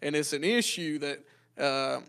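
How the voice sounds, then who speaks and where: A man speaks in a plain, casual way, often repeating a word as he begins. His voice is fairly high for a man, and he talks into a desk microphone in a small church room. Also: expressive, unhurried, vocal fry, fairly bright tone, clear, resonant tone. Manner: plain-spoken, repeats words as he starts a sentence. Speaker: podcast co-host. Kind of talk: casual chat. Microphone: desk mic on a stand.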